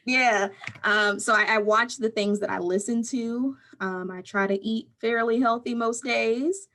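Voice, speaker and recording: A woman mental health counselor answering interview questions in a calm, measured, explaining way. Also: on the high side.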